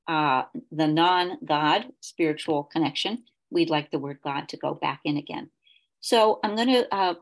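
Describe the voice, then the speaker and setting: A woman facilitating an online group meeting over a video call. She talks with a hesitant manner and fills her sentences with pauses. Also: on the low side. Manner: hesitant, many fillers.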